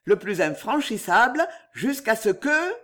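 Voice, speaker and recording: A man's voice: high-pitched, big pitch swings, unhurried, a bit bright, pitched above the performer's own voice, exaggerated voice. A man reading the part of a marquis who governs a prison, emphatic and agitated. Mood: suspicious. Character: suspicious, then fearful male fortress governor.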